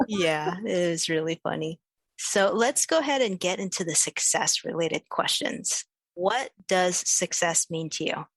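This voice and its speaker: A woman's voice: on the low side, takes it slowly, vocal fry, long pauses, fairly bright tone, no room sound. A woman hosting a podcast, upbeat and friendly, asking questions and telling anecdotes. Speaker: podcast host.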